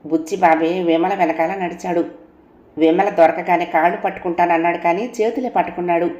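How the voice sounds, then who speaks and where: A woman storyteller reading a story aloud in a calm, measured way. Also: on the low side, reverberant, lo-fi sound. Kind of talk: audiobook story narration.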